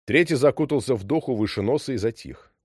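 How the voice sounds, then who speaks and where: A man reading a story aloud, his voice moving lively between high and low. The recording is dry and close, with no room sound. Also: fast talker, slightly rough, no echo. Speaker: narrator. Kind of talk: audiobook narration.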